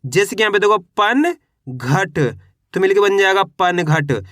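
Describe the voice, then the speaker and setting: A man's voice: sits high, expressive, unhurried, a bit bright, no room sound, studio quality. A man teaching beginners to read, sounding out each syllable and repeating words in an encouraging way. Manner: encouraging, addresses viewers as friends. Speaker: Hindi reading teacher. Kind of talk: online reading lesson.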